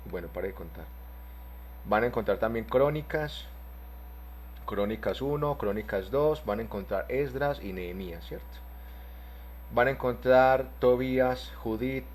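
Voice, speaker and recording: A man with a lowish voice teaches a Bible class, explaining terms patiently and spelling words out letter by letter. Faint background noise sits under his voice. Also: darkish tone. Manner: spells words out slowly, asks "¿cierto?". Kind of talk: online class lecture.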